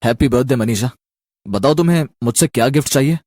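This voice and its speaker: A woman's voice: rumbling low, quick pace, dry recording, studio quality, pitched below the performer's own voice. A woman voicing an easygoing, reassuring young husband in a spoken story. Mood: cheerful. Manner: relaxed, reassuring.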